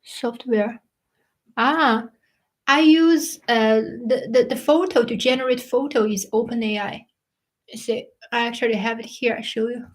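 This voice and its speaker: A woman in her thirties hosting a casual live stream, chatting and answering viewers' questions, often pausing to search for words. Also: on the high side, steady tone, rough recording. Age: 30s. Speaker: livestream host.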